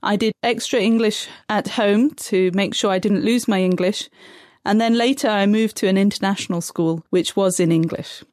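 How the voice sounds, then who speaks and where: A woman who grew up in Tanzania, calmly explaining terms step by step as an interview guest. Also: medium pitch, moderate pace, no room sound, clean studio sound. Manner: calm, methodical, defines terms step by step. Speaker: guest expert on third culture kids. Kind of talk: measured explanatory interview answers.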